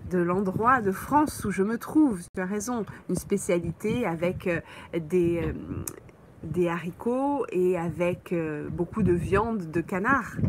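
A woman teaching French on a live stream, slowly answering viewers' comments with frequent pauses and fillers, from a holiday mobile home. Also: mid-range voice, noisy background. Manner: slow, patient, thinks aloud with many fillers.

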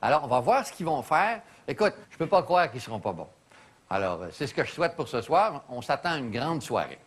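A man's voice: medium pitch, big pitch swings, brisk, breathy edge. A man, the show's judge, speaking in an upbeat, encouraging way in a casual studio chat. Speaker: show judge.

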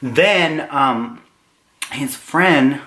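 A young man vlogging, telling a story in an animated, dramatic way with sudden squealing exclamations. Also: medium pitch, very slow. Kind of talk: casual storytelling.

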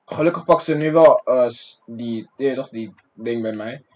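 A young man from the Netherlands giving excitable, slang-filled gameplay commentary, breaking into sudden yelps and shouts. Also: medium pitch, normal speed, highs cut off. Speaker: gaming streamer.

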